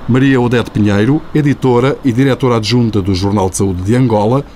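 A man's voice: mid-range voice, a little fast, mellow, slight background noise. Man narrating a radio report.

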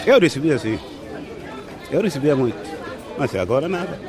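A man's voice: on the high side, animated, normal speed. A man, a bicycle repairer answering street interview questions plainly, often asking "não é?". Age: 60s. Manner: plain-spoken, repetitive, often asks "não é?". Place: busy outdoor market. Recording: loud market crowd behind.

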